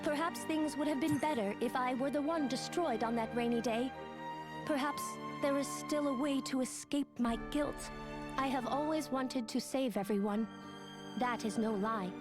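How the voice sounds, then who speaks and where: A woman's voice: high-pitched, moderate pace, close to an everyday voice. A woman voicing a guilt-ridden young female android in a video game, with a formal, robotic delivery. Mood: remorseful. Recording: game audio with music behind. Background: game background music.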